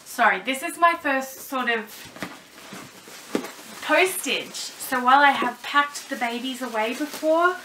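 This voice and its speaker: Packing a parcel at home, a woman who vlogs about dolls talks casually to her camera in a slightly nervous, apologetic way. The camera mic sits a fair distance off, picking up her high, animated, unhurried voice against a noisy background.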